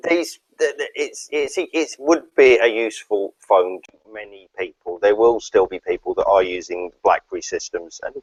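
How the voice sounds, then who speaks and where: A man's voice: lowish voice, no echo. A man co-hosting a casual tech podcast over a video call. He reads out phone specs in a list, with plenty of fillers. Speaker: podcast co-host. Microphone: online video call.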